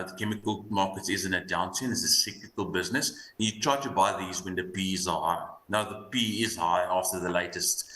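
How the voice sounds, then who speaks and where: A low-pitched, bright-edged man speaks with a broad Afrikaans South African accent. He talks markets off the cuff, stopping and doubling back on words. The room is echoey with faint noise. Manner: halting, repeats words as he thinks. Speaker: investment analyst guest. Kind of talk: unscripted market commentary. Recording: roomy echo, light background noise.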